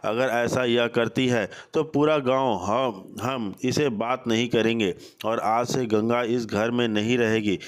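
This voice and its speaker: A man voicing a stern male village headman in a plain read-out, at an ordinary pitch. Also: fairly even intonation, a little slow, hardly any pauses, clear, resonant tone, natural voice.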